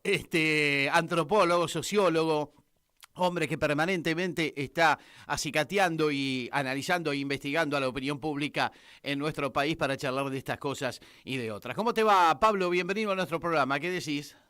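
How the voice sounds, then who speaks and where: A man with an Argentine accent hosting a political radio show, emphatic and filling pauses with "eh" and "este". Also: on the high side, pushed and bright, clear, resonant tone, no echo, clean studio sound. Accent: Argentine Spanish. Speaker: radio host. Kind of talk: political radio commentary and interview.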